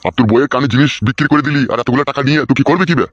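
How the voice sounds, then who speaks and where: Man voicing a gruff village uncle, swearing, very fast, dry, dull recording. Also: mid-range voice, dry recording, close to an everyday voice. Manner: coarse, swearing, scolding. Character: gruff older village uncle who buys gold. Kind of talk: comic skit acting.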